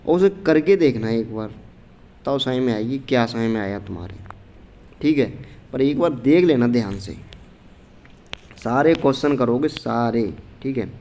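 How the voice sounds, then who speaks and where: A mellow mid-range voice at a measured pace, with a little hiss or hum in the background, belongs to a man teaching exam-prep grammar casually. He talks informally, reads out the answer options, keeps saying "theek hai" and regularly confirms students are following.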